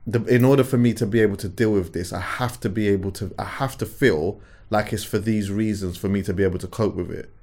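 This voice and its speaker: A man's voice: lowish voice, fairly even intonation, fast talker, a little mellow. A man hosting a podcast, asking searching questions and listening attentively. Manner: attentive, with short backchannel replies and searching questions. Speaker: podcast host. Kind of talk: conversational interview.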